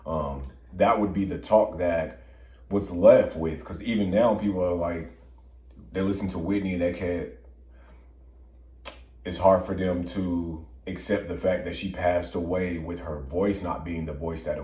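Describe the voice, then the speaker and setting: A man's voice: low-pitched, steady tone, unhurried, a little mellow, reverberant. A man co-hosting a music commentary show, giving earnest, emphatic opinions with plenty of fillers. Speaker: podcast co-host. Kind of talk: casual chat.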